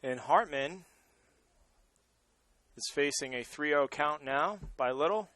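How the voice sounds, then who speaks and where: A man's voice: a little high, slow, bright, forceful tone, no room sound. A man with a Boston accent calling a baseball game live, mixing play-by-play with casual banter.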